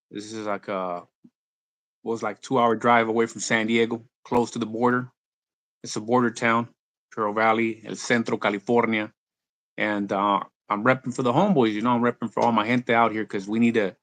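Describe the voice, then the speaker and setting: A rap artist born in Mexico and raised in California, whose first language is Spanish, chats as a guest in a casual interview, laid-back, slang-heavy, and full of restarts. His medium-pitched voice has fairly even intonation, a moderate pace, and a fairly bright tone.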